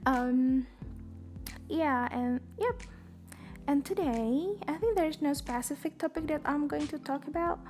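Soft music plays behind a young woman with an Indonesian accent as she chats through a casual personal monologue on her podcast, talkative and full of fillers. Her voice is high-pitched, a little mellow, and unhurried.

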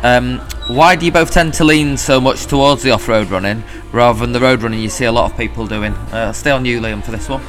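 A man's voice: medium pitch, fast, few pauses. British man hosting, faint music behind. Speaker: podcast host. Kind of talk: casual interview hosting, reading listener questions.

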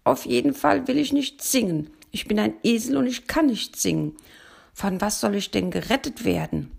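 A woman's voice: medium pitch, very animated, moderate pace, vocal fry, a little mellow, slightly rough, voice pushed up, full character voice. A woman voicing a simple, stubborn male donkey who talks in a whiny, hesitant way. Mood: plaintive.

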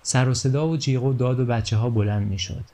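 A man reading a children's storybook aloud in a calm, steady narrating voice. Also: medium pitch.

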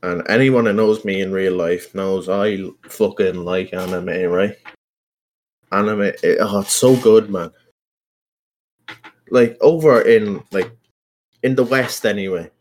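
A man's voice: fairly low pitch, takes it slowly, long pauses, darkish tone, a little hiss or hum. A young man with an Irish accent hosting a casual solo podcast, rambling informally and self-consciously with plenty of swearing. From Ireland. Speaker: podcast host.

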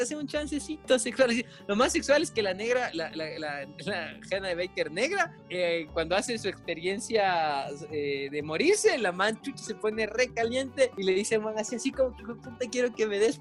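A man co-hosting a podcast, chatting casually in a slangy, profane way and laughing often. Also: high-pitched. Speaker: podcast co-host. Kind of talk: casual chat.

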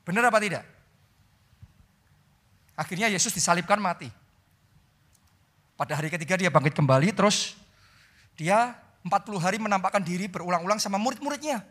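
A middle-aged man preaching a sermon as pastor, telling a story with sudden loud peaks and soft, quiet drops. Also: sits high.

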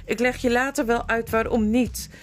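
A woman's voice: fairly high pitch, flat delivery, normal speed, voice pushed up, close to an everyday voice. A woman voicing a sleepy, flustered old male owl who hoots and mutters to himself.

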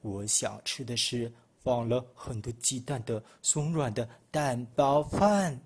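A man voicing a bossy, fickle wolf in a storybook reading, booming and excitable. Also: takes it slowly, breathy edge. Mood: musing. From Malaysia.

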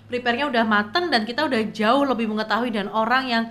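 Bright-voiced chatty woman podcaster. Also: fairly high pitch, quick pace. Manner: chatty, playful, joking. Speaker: podcast co-host. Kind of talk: casual podcast chat.

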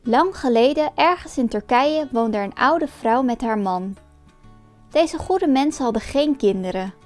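High-voiced woman telling a folk tale. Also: unhurried, faint music behind. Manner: calm, expressive storytelling. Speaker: storyteller. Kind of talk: scripted folk tale narration.

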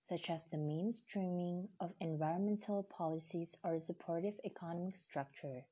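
A woman from Indonesia giving a scripted explainer, reading in a steady, earnest tone with breathy stretches. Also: fairly low pitch. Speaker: presenter.

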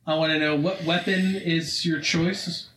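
A man's voice: fairly high pitch, steady tone, a little slow, a bit bright. A man co-hosting a podcast in casual chat, eagerly asking the others questions. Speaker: podcast co-host. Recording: roomy audio with faint noise.

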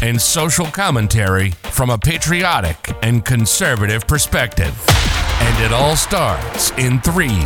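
A male announcer reading a scripted show intro with a dramatic delivery. He speaks slowly, his pitch swinging widely. Loud music plays behind him.

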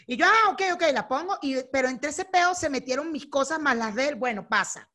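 Venezuelan woman co-host, young, animated storyteller, slightly high voice. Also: fairly quick. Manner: animated storyteller who acts out the people in her anecdotes. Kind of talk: casual chat.

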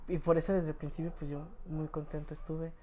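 A man's voice: fairly high pitch, little pitch movement, fairly quick, mellow, a little hiss or hum. A man in his twenties with a Mexican Spanish accent, a podcast guest telling personal stories in a casual, often laughing way. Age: 20s. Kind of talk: casual interview storytelling.

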